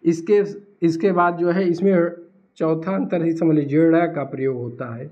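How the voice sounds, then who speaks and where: A man's voice: a little high, fairly even intonation, moderate pace, a little mellow. A man teaching a Hindi class at a board, who asks questions and then answers them himself. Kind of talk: blackboard lecture. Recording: dull lo-fi recording.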